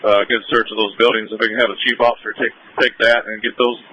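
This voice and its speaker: Urgent male fire radio voice, bright, forceful. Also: on the low side, little pitch movement, quick pace, husky, highs cut off. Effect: two-way radio. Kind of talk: urgent firefighter radio traffic.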